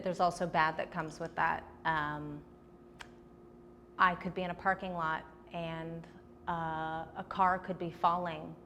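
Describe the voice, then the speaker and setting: A woman's voice: fairly low pitch, a bit bright, big-room sound, a little hiss or hum. A young adult woman, a comedian, giving candid, chatty answers in a casual interview.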